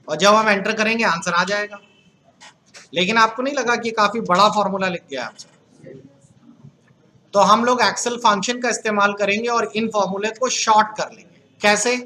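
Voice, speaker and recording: A man's voice: high-pitched, normal speed, long pauses, bright, forceful tone, a little hiss or hum. A man from Uttar Pradesh teaching a computer class, quizzing the students and joking with them. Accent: Uttar Pradesh Hindi. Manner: asks the class questions, jokes with students. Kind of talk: classroom lecture.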